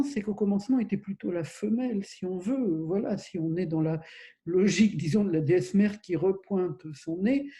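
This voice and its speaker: A man's voice: high voice, mellow. A man giving an informal recorded lecture, rambling with many fillers and self-corrections.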